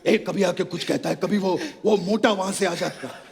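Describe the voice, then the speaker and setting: A comedian doing a pompous old film star, gravelly. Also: male voice, high voice, moderate pace, big-room sound. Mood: mocking. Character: pompous older male film star impression, haughty. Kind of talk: stage sketch comedy.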